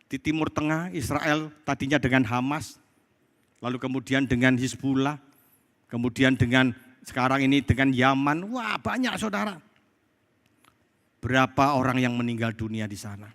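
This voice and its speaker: A male pastor preaching to a congregation, asking himself questions and swinging between loud exclamations and quiet asides. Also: medium pitch, moderate pace, pauses often. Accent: Indonesian. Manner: rhetorical questions answered himself, addresses congregation as saudara. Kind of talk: sermon. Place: church hall. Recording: long hall reverb.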